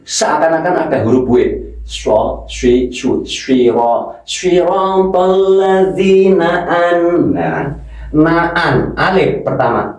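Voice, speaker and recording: A man teaching Quran recitation, slowly repeating syllables and correcting pronunciation. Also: medium pitch, heavy reverb, far from the mic, rough recording. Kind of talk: recitation lesson.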